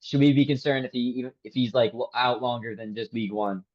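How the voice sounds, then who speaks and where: A man's voice: medium pitch, a little fast, lo-fi sound. A man hosting a casual sports podcast, asking loose, stumbling questions and cursing. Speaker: podcast host.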